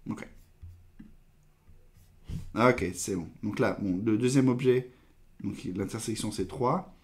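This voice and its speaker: Speaking slowly in a lowish voice, this man runs a live coding stream. He tests code and reads viewer questions, thinking out loud with hesitations and phrases that trail off.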